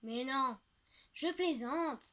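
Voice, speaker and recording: A woman's voice: high-pitched, slow, fairly bright tone. Woman doing a melodramatic joking teenage boy. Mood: mock-dramatic. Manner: mock-dramatic. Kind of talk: audiobook character voice.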